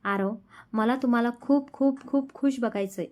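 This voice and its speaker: A woman's voice: a little high, normal speed, a little mellow, close to an everyday voice. A woman voicing a young wife in a romance storybook reading, speaking in an affectionate, pleading way. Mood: loving. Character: young wife, loving and gently bossy.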